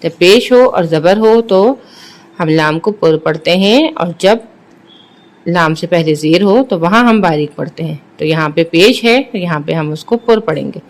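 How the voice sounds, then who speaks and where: A Quran reading teacher with a Pakistani Urdu accent, sounding out letters and syllables slowly and then explaining each rule quickly. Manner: drawn-out syllables, then brisk low explanations. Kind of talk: slow letter-by-letter recitation drills with quick explanations.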